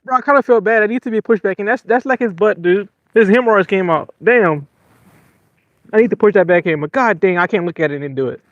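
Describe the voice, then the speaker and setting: An excitable man with a high voice chats and jokes his way through a fishing live stream, laughing often. The sound is dry and close but a little dull and lo-fi. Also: fairly quick, no echo. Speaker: fishing livestream host. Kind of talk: casual live-stream chat. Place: outdoors on a boat at sea.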